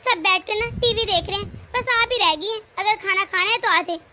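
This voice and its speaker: A woman's voice: extremely high pitch, fairly quick, background noise. A woman voicing a lazy, scheming younger daughter-in-law in a cartoon family drama, constantly grumbling and complaining.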